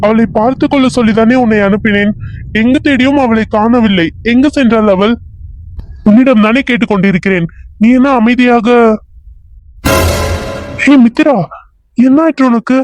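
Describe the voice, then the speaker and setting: ஒரு ஆண் பேசும் காதலியை தேடும் பதறிய கதாநாயகன். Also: male voice, very high voice, normal speed, pauses often, soft background music. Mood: demanding. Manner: anxious, repeating questions. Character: young lovesick hero searching for his bride. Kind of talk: cartoon serial voice acting.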